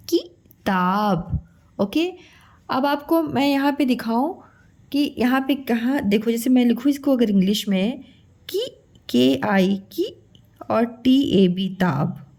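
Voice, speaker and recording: A woman teaching young children to read, stretching syllables slowly and calling the listener "beta". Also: fairly high pitch, mellow. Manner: slow, drawn-out syllables for children. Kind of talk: children's Hindi lesson.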